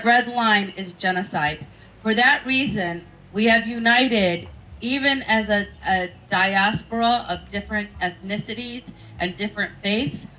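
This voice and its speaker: A woman's voice: mid-range voice, sharp tone, slight background noise, rough recording. A woman organizing a press conference, speaking firmly and introducing the speakers. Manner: firm and resolute, introducing speakers.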